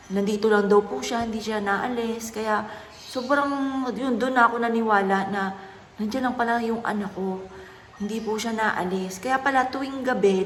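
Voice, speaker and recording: A woman, a mother telling a personal story in a soft, earnest, polite way. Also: medium pitch. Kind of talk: casual vlog talk. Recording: echoey room with faint noise.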